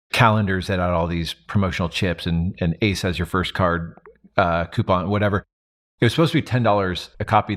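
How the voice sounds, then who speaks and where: Reflective man telling stories, low voice. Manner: reflective storytelling with many fillers and restarts. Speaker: podcast host and advantage player. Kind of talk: casual roundtable discussion.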